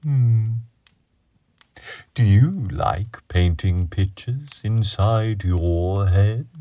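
A man voicing a gentle, friendly male dragon who guides children through a calm imagination exercise in a slow, soothing way. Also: fairly low pitch, no echo, exaggerated voice. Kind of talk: children's relaxation storytelling.

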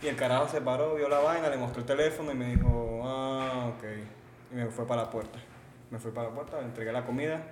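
A young man with a Venezuelan accent tells slangy, animated anecdotes as a podcast guest. He speaks fast, and his voice carries a roomy echo. Clear background noise sits under the recording. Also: medium pitch. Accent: Venezuelan Spanish. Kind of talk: casual storytelling. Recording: echoey room with background noise.

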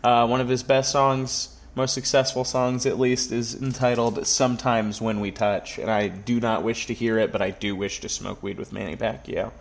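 A man's voice: mid-range voice, flat delivery, normal speed, gravelly, hardly any pauses. A man co-hosting a casual podcast, talking in a wry way with mock-formal phrasing and some swearing. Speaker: podcast co-host. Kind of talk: casual banter, fantasy draft commentary.

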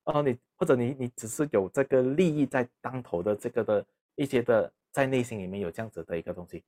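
A man's voice: mid-range voice, fast talker, dark tone. Male preacher. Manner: conversational, with frequent fillers and tag particles. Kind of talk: sermon.

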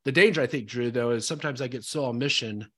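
A man's voice: mid-range voice, fast talker, husky. A man co-hosting a podcast in casual discussion, upbeat and motivational, laughing easily. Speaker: podcast co-host.

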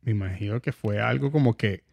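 Male podcast host, attentive interviewer. Warm, mellow voice, dry close mic. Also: fairly low pitch, brisk, creaky, dry recording. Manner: attentive interviewer, short affirmations and reflective follow-up questions. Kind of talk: casual conversational interview.

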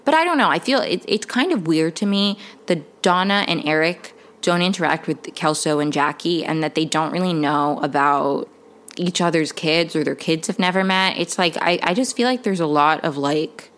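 Low-voiced chatty woman recapping a show. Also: fairly bright tone. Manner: chatty, lots of "like" and "um", quick laughs. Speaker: TV recap vlogger. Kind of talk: casual episode recap.

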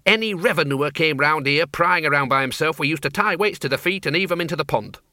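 A man's voice: a little high, quick pace, bright, forceful tone, dry recording, clean studio sound, voice pushed up. A man playing a tart, blunt old farm woman. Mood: scornful. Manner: tart, emphatic, rustic.

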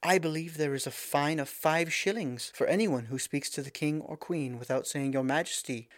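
A man's voice: on the high side, normal speed, no echo, clean studio sound, close to an everyday voice. A man voicing a proud young queen in a storybook reading, speaking in a haughty, commanding way.

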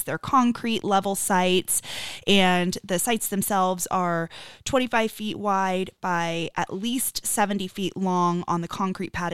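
A woman's voice: mid-range voice, clean tone. A chatty woman hosting a casual podcast, talking through things at an easy, explanatory pace. Her voice sits in a middle range and is recorded close on a mic in a dry room with no echo. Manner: chatty, explanatory, laughs easily. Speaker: podcast co-host, RV park owner.

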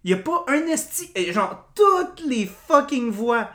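A woman with a Québécois French accent, co-hosting a casual podcast chat, animated and swearing, with lots of fillers and loud laughs. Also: high-pitched, measured pace. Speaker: podcast co-host. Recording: echoey room.

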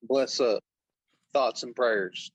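A man co-hosting a podcast, chatting casually in a joking, deadpan way. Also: medium pitch, slow pace, breathy edge. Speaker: podcast co-host. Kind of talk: casual chat. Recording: dull lo-fi sound.

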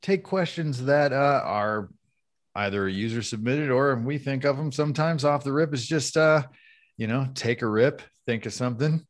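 A man co-hosting a podcast in casual, profane chat. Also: moderate pace. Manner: laid-back, swears, lively pitch swings. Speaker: podcast co-host.

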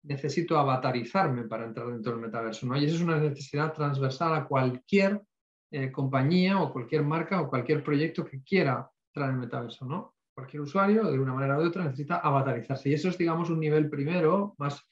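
A man with a slightly high voice talks fast as a panel participant in an informal expert discussion, reflective and often adding tag questions and English tech terms to his Spanish. The room is echoey and the audio dull and lo-fi.

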